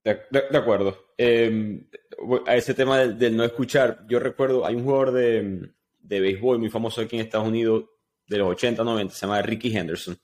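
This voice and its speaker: Male interview host, measured and thoughtful in his questions. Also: on the low side, fairly even intonation, darkish tone. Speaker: podcast host. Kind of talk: conversational interview.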